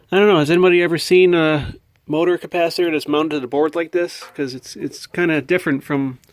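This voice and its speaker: Working indoors at a home workbench, this American man makes hobby videos and walks viewers through a relaxed show-and-tell. His voice is fairly high with no room sound, and he muses aloud in an uncertain, puzzled way.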